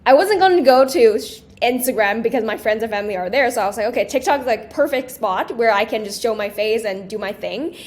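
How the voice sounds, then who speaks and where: Speaking briskly with hardly any pauses, a young woman from Taiwan appears as a guest on an interview show to talk about her small business. Her fairly high voice is animated and casual, peppered with fillers and frequent restarts.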